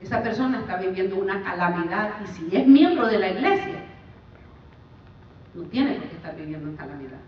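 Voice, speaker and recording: A woman preaching a sermon in a church, her delivery swinging between emphatic rises and quiet drops. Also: mid-range voice, animated, brisk, a little hiss or hum. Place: church sanctuary. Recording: echoey far-off church mic, dull sound.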